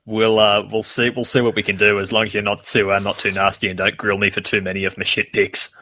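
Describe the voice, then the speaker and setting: An upbeat man filling in on a sports podcast, cheerful and slangy. His voice is low, bright and a bit husky. The sound is dry. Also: flat delivery, fast, no room sound. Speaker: fill-in podcast co-host. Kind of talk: casual sports podcast chat.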